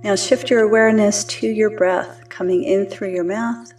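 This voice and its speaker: Female meditation host, dark relaxed tone, soothing calm grounding guidance, unhurried delivery, slightly distant recording. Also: mid-range voice. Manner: unhurried, soothing, gentle instructing. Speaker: host of a wellness podcast.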